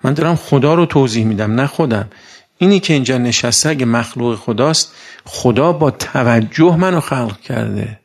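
In a colloquial, conversational sermon, a man with a medium-pitched, lively voice slows down for emphasis and puts rhetorical questions to his listeners.

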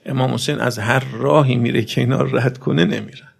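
A man preaching a sermon, swinging between loud emphatic outbursts and soft low passages, and asking his listeners questions directly. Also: fairly even intonation, creaky, husky. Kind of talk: religious sermon.

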